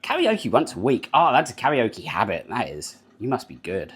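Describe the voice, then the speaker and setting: A British male streamer chats cozily with his viewers while baking in his home kitchen, rambling, answering chat and laughing often during a casual live stream. His medium-pitched voice is fairly bright with a breathy edge, swinging hugely up and down in a bouncy delivery at normal speed.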